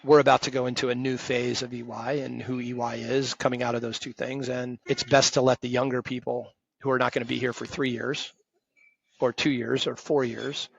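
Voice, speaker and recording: This fifties-aged guest, once a partner at a firm and now retired, answers interview questions in a direct, emphatic manner and describes himself as loud. He talks at normal speed with a level tone and a medium-pitched, gravelly, husky voice. There's no room sound, and the highs are cut off.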